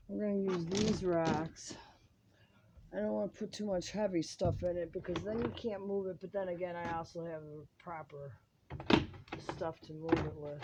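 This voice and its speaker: A home gardening vlogger giving a casual hands-on demonstration, chatty and rambling as they work, filmed partly outdoors on a handheld phone. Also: medium pitch. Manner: chatty and rambling, talks while working. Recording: noisy home video with handling clicks.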